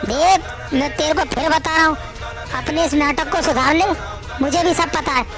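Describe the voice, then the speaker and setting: A woman's voice: high-pitched, normal speed, over loud music, close to an everyday voice. A woman voicing an older father-in-law who lectures firmly and protects his daughter-in-law. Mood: stern. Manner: firm and lecturing.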